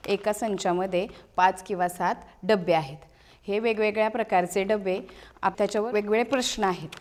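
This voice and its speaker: A woman's voice: medium pitch, steady tone, moderate pace. Patient Marathi-speaking woman teacher. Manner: patient, coaxing, asks questions and repeats answers. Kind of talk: classroom demonstration of a teaching aid.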